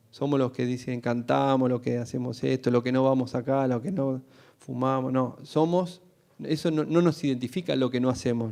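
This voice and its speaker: A man with a Rioplatense Spanish accent, preaching a sermon as a pastor, animated and full of stories, calling the congregation to repeat after him. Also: mid-range voice.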